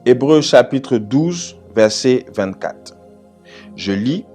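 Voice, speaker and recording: Slow, emphatic male preacher. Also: lively intonation, soft background music. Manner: emphatic, repeats phrases, swells loud then drops low. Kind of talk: sermon with prayer.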